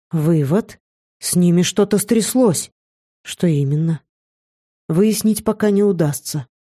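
A woman reading a first-person fantasy novel aloud in a measured, reflective way. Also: fairly low pitch, mellow. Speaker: audiobook reader.

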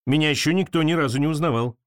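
A man voicing a naive, lonely swamp creature with big paws, talking slowly and with wonder. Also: clear, resonant tone, no echo, studio quality, natural voice. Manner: slow, wondering, low-pitched.

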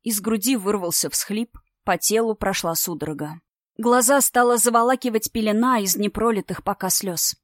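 A woman narrating an audiobook in the first person, steady and expressive. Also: medium pitch, moderate pace, no room sound, clean studio sound.

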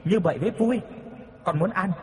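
A man's voice: high voice, fairly quick, reverberant, long reverb tail, pitched above the performer's own voice, lightly acted. A man voicing a cruel ghost boy who wheedles in a childish way, in a ghost story. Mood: wheedling.

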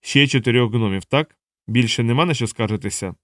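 A man voicing an earnest young male watch officer who talks in a calm, courteous way. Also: mid-range voice, fairly quick, dry recording, studio quality, natural voice.

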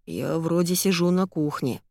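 A dazed, helpless police colonel mumbles his words in a thin, childlike whine, as a woman narrator puts him on. The voice sits fairly low and dry, with no room around it. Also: expressive, a little slow, darkish tone, dry recording. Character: bewildered middle-aged male police colonel, helpless.

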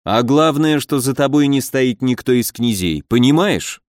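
A man voicing a scheming, stern older boyar in an audiobook, with a low gruff voice. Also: animated, normal speed, dry recording, clean studio sound, lightly acted.

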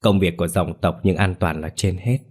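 A man's voice: low-pitched, fairly even intonation, normal speed, darkish tone. A man voicing a blunt elderly male family elder with a scolding way of talking. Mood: gruff.

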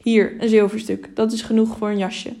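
A woman voicing an old man in a storybook reading who scolds and urges in a hushed, hurried way. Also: on the high side, level tone, gravelly. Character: older man, a kindly meddling helper.

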